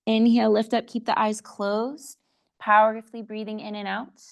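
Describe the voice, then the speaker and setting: A woman teaching a live online yoga class, giving calm step-by-step cues for breath and poses, a little out of breath as she demonstrates. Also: a little high, moderate pace, vocal fry. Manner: slightly out of breath while demonstrating. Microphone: video call.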